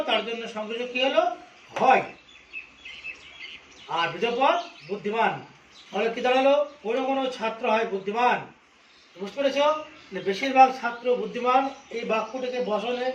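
A man's voice: extremely high pitch, a bit bright, reverberant, far from the mic, slight background noise, poor audio. A man teaching a class-style lesson who asks questions and answers them himself, repeating key terms and stressing words when he lists examples. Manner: stresses each word when listing examples. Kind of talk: classroom-style explanation to students.

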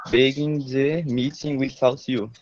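A man's voice: mid-range voice, steady tone, takes it slowly, darkish tone. A man with a Brazilian Portuguese accent answering as a student in an online class, giving brief, hesitant replies. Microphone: video call. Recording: dull lo-fi online call audio.

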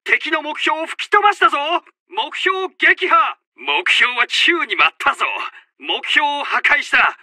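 In a military video game, an actor voices a commanding, urgent Japanese army officer barking short battle announcements. His very high-pitched male voice is animated, sharp and heavily acted at a measured pace, with a rousing, triumphant mood. The recording has no room sound.

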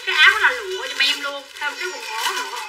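On a live sales stream, a woman with a high voice talks fast and animatedly while selling clothes. She calls out prices and buyer names in a chatty way and encourages viewers to buy, captured by a distant mic with a little background noise.

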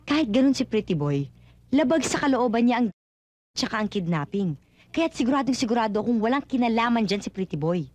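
An earnest police officer. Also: female voice, on the high side, big pitch swings, fairly quick, darkish tone, no echo. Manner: earnest and reassuring.

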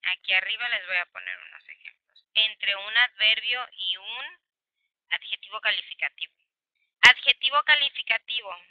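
A woman's voice: medium pitch, very animated, moderate pace, dry recording, narrow, tinny audio. A woman with a Mexican Spanish accent teaching an English grammar class, explaining patiently with many examples and switching between Spanish and English.

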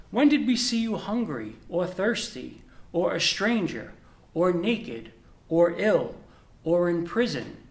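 Earnest young deacon, echoey chapel. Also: male voice, fairly high pitch. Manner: measured, earnest proclamation with emphatic pauses. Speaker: deacon and seminarian. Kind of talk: gospel reading and homily. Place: indoor chapel with a stone wall.

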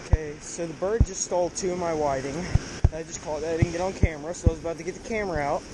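A man on an ocean beach talks half to himself as he fishes, his voice a touch high for a man. A body-worn camera picks him up outdoors, and heavy wind roars over the mic with the surf behind it. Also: steady tone. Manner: muttering to himself, quick reactions. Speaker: angler filming his fishing trip. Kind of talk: casual running commentary. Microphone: action camera at chest height. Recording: loud wind noise on the mic.

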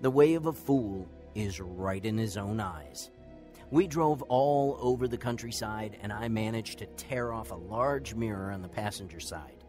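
A man narrates and stars in a radio drama, earnestly recalling a bitter, lonely youth in the first person from a script. His natural voice is lowish and darkish, unhurried and reflective, with soft music behind it.

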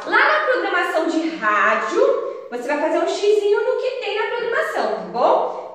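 A woman teacher giving a slow, encouraging remote lesson to young children. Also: high-pitched, fairly bright tone. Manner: slow, sing-song, encouraging. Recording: echoey room, distant from mic.

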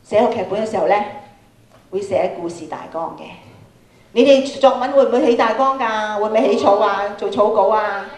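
A woman with a Hong Kong Cantonese accent, a radio programme producer, gives an interactive workshop talk to schoolchildren and prompts them with frequent questions. Her medium-pitched voice is brisk and darkish. She uses a handheld mic in a large indoor school auditorium, filmed from the audience, so the PA sound echoes through the hall.

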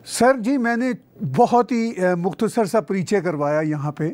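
A man's voice: high-pitched, a little slow, a little mellow. A man hosting a talk show interview, framing his questions in a pointed, opinionated way.

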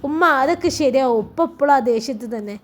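A woman voicing a grown son who calmly reasons with his mother, in a Malappuram Malayalam accent. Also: high voice, fast. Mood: reassuring.

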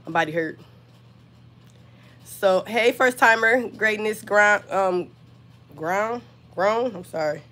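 A woman's voice: medium pitch, a bit bright. Woman, scratchy sick voice, chatty, casual live-stream host, phone mic. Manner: chatty, talks straight to viewers, many fillers. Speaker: crafter hosting a live stream.

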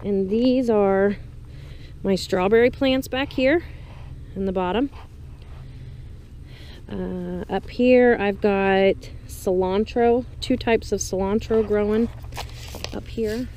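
Walking through a small greenhouse and an open farm garden outside, a female vlogger with a mellow, medium-pitched voice casually chats about her garden in short phrases with pauses. The audio comes from an action camera's built-in mic, worn or handheld, and clear outdoor ambient noise fills the background.

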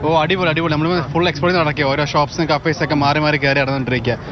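A man's voice: on the high side, fairly even intonation, very fast. A man with a Kerala accent chatting casually in a street interview, mixing English words into his Malayalam. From Thiruvananthapuram, Kerala. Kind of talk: casual vox-pop chat. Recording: dull outdoor audio with crowd noise.

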